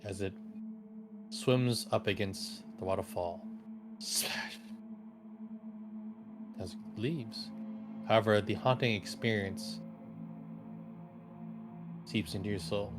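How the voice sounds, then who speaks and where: A man acting as game master, telling the scene in slow, hushed, theatrical narration and calling for dice rolls. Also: fairly low pitch, steady tone, music in the background. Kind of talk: dramatic narration of a tabletop game.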